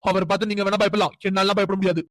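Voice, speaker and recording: A performer voicing a hot-tempered, possessive young man in a cartoon who shouts and demands. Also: mid-range voice, fairly even intonation, very fast, dry recording, natural voice, poor audio. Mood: angry. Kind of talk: cartoon voice acting.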